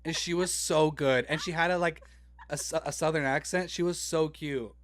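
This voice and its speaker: A man's voice: a little high, fairly even intonation, moderate pace. A man co-hosting a podcast in casual chat, self-deprecating, swearing and laughing a lot. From Canada. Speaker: podcast co-host.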